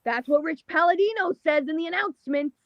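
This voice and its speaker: A woman's voice: very high voice, a little fast, no room sound, lo-fi sound. A young woman with a thick Long Island accent, a pro wrestler chatting casually in an interview, full of "like" and "um". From Las Vegas, Nevada. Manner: casual, slangy, lots of "like" and "um".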